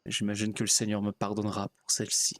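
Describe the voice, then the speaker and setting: A man playing a naive, kindly progressive frontier preacher in a solemn, gentle tone. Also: lowish voice, monotone, fast, no echo, close to an everyday voice. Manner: solemn, gentle ceremonial delivery. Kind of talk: in-character role-play.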